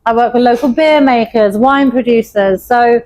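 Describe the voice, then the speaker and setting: A woman's voice: on the high side, normal speed, a little mellow, rough recording. Upbeat woman chef from Wales. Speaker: chef and pub owner. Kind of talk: interview conversation.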